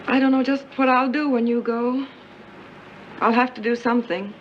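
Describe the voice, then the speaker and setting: A woman's voice: fairly high pitch, steady tone, moderate pace. An actress playing a witty, rebellious young woman in a 1930 romantic comedy, with teasing, ironic delivery heard through an early talkie film soundtrack. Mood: earnest. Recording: muffled early sound film with faint hiss.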